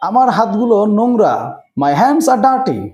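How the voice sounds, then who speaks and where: A man teaches spoken English. He speaks slowly and repeats each English phrase twice, his pitch rising and falling a lot. The recording has a roomy echo. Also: sing-song, darkish tone, highs cut off.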